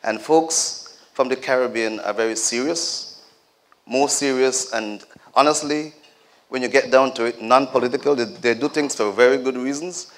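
A man's voice: medium pitch, normal speed. A man addressing a community celebration as a former leader of the group. He speaks straight to the audience with humorous asides. His exhortations fall into a preacher-like cadence. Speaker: community leader giving a speech.

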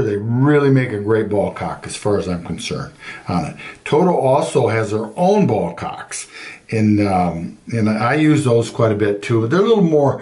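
An older man, a master plumber, explaining toilet parts in a casual how-to, plain-spoken with frequent pauses and fillers. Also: medium pitch, darkish tone. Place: home bathroom.

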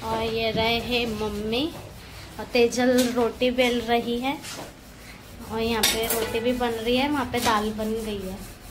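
A woman's voice: fairly high pitch, flat delivery, noisy background. A woman vlogging for her channel, showing things to the camera as she goes. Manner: unhurried, shows things to the camera. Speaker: family vlogger. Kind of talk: casual vlog narration.

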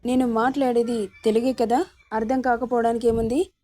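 A woman's voice: a little high, flat delivery, normal speed, dark tone, slight background noise, lightly acted. A woman voicing a hurt, fiery young wife who speaks in a pleading, reproachful way. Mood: upset.

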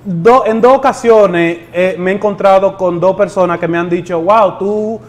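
A man's voice: high voice, steady tone, normal speed. A man with a Dominican accent, born in the United States, talking easily in an interview and often repeating words. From born in the United States to Dominican parents. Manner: easygoing, repeats words, mixes in English phrases. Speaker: guest. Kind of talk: casual interview talk.

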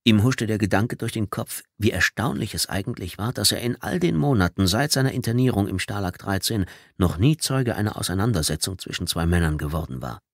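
A man reading a novel aloud as an audiobook, with measured, dramatic storytelling. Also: on the low side, lively intonation, dry recording, clean studio sound. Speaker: audiobook reader. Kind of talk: scripted audiobook narration. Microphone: studio microphone.

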